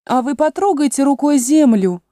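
A woman's voice: high voice, lively intonation, moderate pace, warm tone, no room sound, studio quality, pitched above the performer's own voice. A woman voicing a haughty, hot-tempered talking flower in a storybook reading, imperious and scolding.

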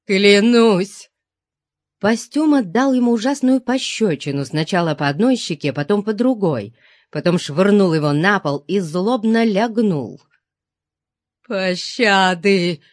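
A woman narrating an audiobook in an expressive reading. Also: mid-range voice, normal speed, no room sound, clean studio sound.

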